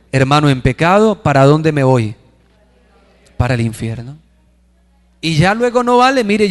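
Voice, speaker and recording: A man preaching from the pulpit, his fairly high voice ringing through a church hall with a long reverb. He keeps asking the congregation questions and drags out the scripture words slowly for weight. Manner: preaching with rhetorical questions, slowing to stress scripture. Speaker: pastor. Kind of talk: sermon.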